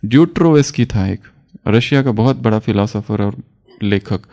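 A man giving a spiritual class in an unhurried teaching manner. He keeps putting questions to his listeners and then answering them himself, with frequent small chuckles between points. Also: on the low side, gravelly, dark tone. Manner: chuckles often while explaining.

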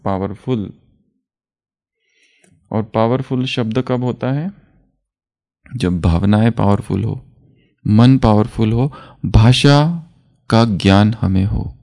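A man's voice: fairly low pitch, a little mellow. Man giving a spiritual class, quizzing listeners. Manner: asks the listeners questions and answers them himself; chuckles often while explaining. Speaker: spiritual teacher.

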